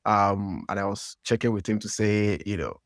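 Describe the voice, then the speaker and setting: Hosting a conversational podcast interview, this Nigerian-accented man from Nigeria asks lengthy questions, often restarting and filling gaps with fillers. He speaks at a moderate pace in a fairly low voice, and the studio sound is clean with no room sound.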